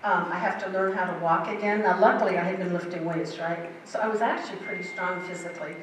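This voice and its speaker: A woman's voice: fairly low pitch, steady tone, fast talker, recorded from a distance, a little hiss or hum. An older woman giving a personal testimony in a church, telling her story in a vivid, emphatic way. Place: church sanctuary. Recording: very echoey hall, heard from afar.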